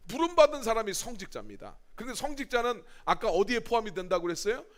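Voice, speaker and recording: A man's voice: sits high, very animated, quick pace. A middle-aged male pastor preaching a sermon, full of rhetorical questions and acting out quoted voices. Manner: acts out quoted voices of churchgoers and Jesus.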